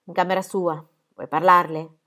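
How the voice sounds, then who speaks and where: A woman's voice: lowish voice, moderate pace, close to an everyday voice. A woman voicing an anxious, placid grandmother who laments her family's troubles. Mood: plaintive. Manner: calm, plaintive.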